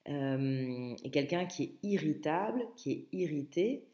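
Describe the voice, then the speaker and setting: Une femme, professeure de latin, lit des phrases latines à voix haute, puis les traduit et les commente posément pour des débutants. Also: female voice, low voice, expressive, measured pace, dark tone, echoey room. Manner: reads Latin aloud, then translates and comments patiently. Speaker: Latin teacher. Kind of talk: explanatory lesson.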